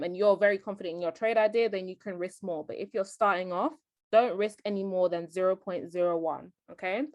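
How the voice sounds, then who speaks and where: A woman's voice: medium pitch, no room sound, studio quality. A woman giving a trading tutorial as a voice-over on a screen recording, explaining step by step and often checking in with the viewer. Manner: explanatory, keeps checking in with "okay?".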